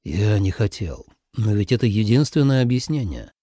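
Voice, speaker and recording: A man voicing a calm, patient young male god who speaks in a subdued, measured way. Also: medium pitch, no room sound, clean studio sound.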